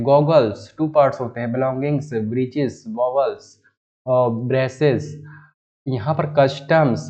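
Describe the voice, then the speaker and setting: A man's voice: mid-range voice, darkish tone, highs cut off. A man teaching a grammar class, explaining patiently and often calling out to his students. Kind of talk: classroom lecture.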